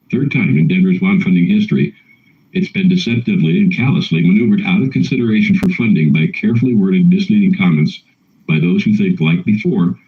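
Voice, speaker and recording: A man with a very low voice reads a prepared public comment. He is earnest, formal and emphatic, and stumbles now and then. The sound is slightly dull, like a remote meeting connection. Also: dark tone. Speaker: arts council executive director, public commenter. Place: remote call into a council meeting.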